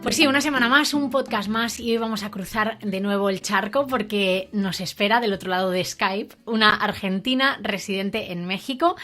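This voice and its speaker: A woman's voice: mid-range voice, moderate pace, bright, forceful tone, faint music behind. A woman hosting an interview podcast, friendly and upbeat as she introduces the guest and asks questions. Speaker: podcast host.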